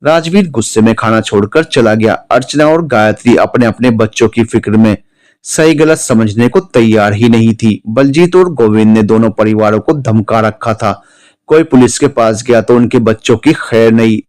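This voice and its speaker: A man's voice: on the low side, moderate pace, a little mellow. A man narrating an emotional story as a storyteller, voicing all the characters himself and raising his voice for the women and the angry moments. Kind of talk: scripted narration with acted dialogue.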